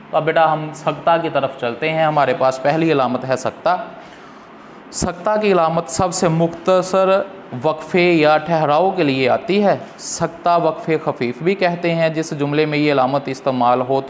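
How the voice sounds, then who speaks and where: A male teacher who gives a patient, fatherly exam-prep lecture and calls his students "beta". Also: on the high side. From Pakistan. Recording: echoey room with faint noise.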